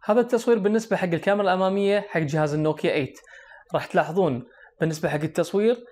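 Speaking in rapid bursts with a high, slightly dark tone, this young adult tech reviewer with a Kuwaiti Arabic accent explains a phone directly to his audience. He's seated at a desk indoors in a small room, near the camera.

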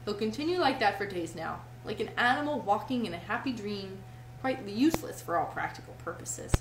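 A woman's voice: medium pitch, animated, fairly quick, roomy sound, noisy background, lightly acted. A woman voicing a fiery, practical male water rat in a storybook, speaking firmly and emphatically. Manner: emphatic, indignant, firm.

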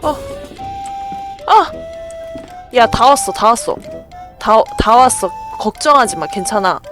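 Girl gamer voice, bit high, swings all over, panicky yells then tiny calm-down mutters, game music going underneath. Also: slow. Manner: jittery, yelps and self-soothing mutters. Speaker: gaming YouTuber. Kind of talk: let's play commentary.

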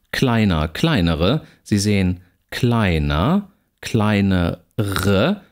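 A man with a fairly low voice gives a university lecture. He explains each point step by step and sounds out example words slowly and carefully. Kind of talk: recorded lecture on phonology. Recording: lecture recording.

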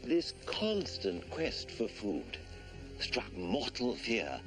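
A man's voice: fairly low pitch, wildly swooping pitch, very slow, over music, exaggerated voice. A man narrating a mock nature documentary in a pompous, portentous manner.

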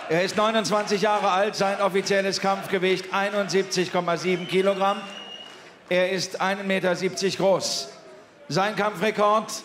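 A man working as a boxing ring announcer, ceremonious and booming, drawing out names as he projects to the arena. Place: large indoor boxing arena. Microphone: announcer microphone over arena PA. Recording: echoey arena PA with loud crowd noise.

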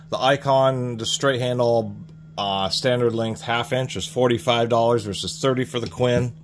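A man's voice: fairly low pitch, slight background noise. A man reviewing hand tools at his workbench in a casual, explanatory way, rambling and restarting his sentences. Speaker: tool reviewer. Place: workshop bench, hands on tools.

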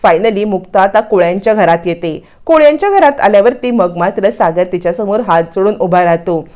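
Woman briskly retelling a TV serial. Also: medium pitch, lively intonation, darkish tone. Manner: brisk retelling, mixes in English words. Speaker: narrator of serial recaps. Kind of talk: storytelling recap of a TV serial.

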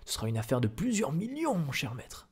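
A man voicing a placid, oily newspaper director who hems and hedges, in a soft-spoken ASMR reading. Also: on the high side, wildly swooping pitch, a little fast, slightly rough, voice pushed up, heavily acted. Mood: persuasive. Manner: oily, hesitant with ums. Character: smooth, placid middle-aged male newspaper director, unctuous.

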